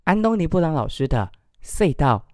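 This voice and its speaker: Animated man reading a picture book. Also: a little high, normal speed, dry recording, clean studio sound. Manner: animated, expressive storytelling. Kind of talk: picture-book read-aloud and commentary.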